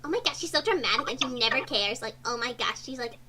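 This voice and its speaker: A woman's voice: a little high, animated, quick pace, heavy background noise, natural voice. A woman voicing a spoiled, bratty young customer who drawls like a valley girl in an acted skit. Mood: snotty. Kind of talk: voiced skit acting.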